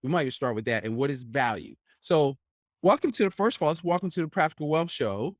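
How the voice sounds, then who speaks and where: Talking fast with a fairly high, lively voice, a man hosts a podcast interview in a loose, opinionated, rambling style, frequently adding "right?" after his points. The sound is dry and studio-clean.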